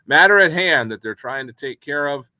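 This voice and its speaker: A man's voice: fairly high pitch, expressive, normal speed, pushed and bright, no room sound. A man hosting a hockey pregame show, chatting casually with many fillers. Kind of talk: casual sports chat.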